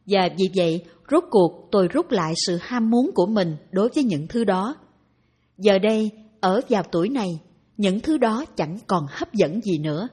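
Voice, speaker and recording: A woman reading a dharma talk aloud in a calm, even narration. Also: mid-range voice, moderate pace, slightly rough. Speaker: reader of dharma talks.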